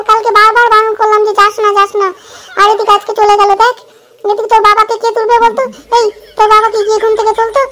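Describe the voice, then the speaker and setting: A woman voicing a fussing, worried goddess mother in a cartoon, with a scolding, hurried manner. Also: very high-pitched, fairly bright tone. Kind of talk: cartoon voice acting.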